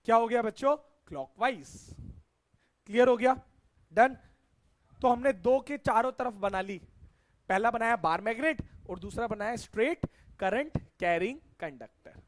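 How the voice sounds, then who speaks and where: A man's voice: very high voice, moderate pace. Man teaching physics in call-and-response. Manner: call-and-response questioning, repeats key answers. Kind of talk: classroom science lesson.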